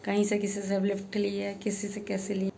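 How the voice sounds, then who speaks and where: A woman's voice: mid-range voice, monotone, normal speed, vocal fry, dark tone, slight background noise. A woman telling an earnest, emphatic story to her followers, asking rhetorical questions as she goes. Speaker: social media creator. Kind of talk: heartfelt storytelling monologue.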